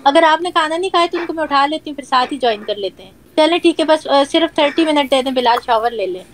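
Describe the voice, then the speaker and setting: A high-voiced woman arguing on a live stream. She is combative, pushes back, and keeps trying to take over the conversation. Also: animated, fast talker, a little hiss or hum, rough recording. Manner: combative, tries to take the floor. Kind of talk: heated live-stream argument.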